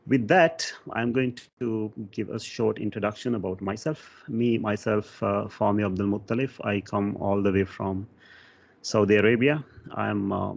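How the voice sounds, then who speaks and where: A man from Sri Lanka talks through a technical conference session in a lowish, gravelly voice. He stops often and fills the gaps with "uh". The sound is dull and lo-fi. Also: fairly even intonation, moderate pace. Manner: hesitant, many fillers. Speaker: conference speaker.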